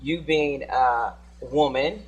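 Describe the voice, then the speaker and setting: Hosting a studio panel discussion before an audience, a talk show host asks probing questions informally and repeats guests' answers back to them. His mid-range voice is slightly rough and slow-paced, and the recording sounds muffled.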